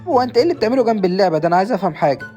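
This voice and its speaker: Casting: a woman as an exasperated Egyptian man in a comedy sketch, rapid-fire, low dark voice. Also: animated, soft background music, natural voice. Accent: Egyptian Arabic. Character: fed-up adult man minding a boy.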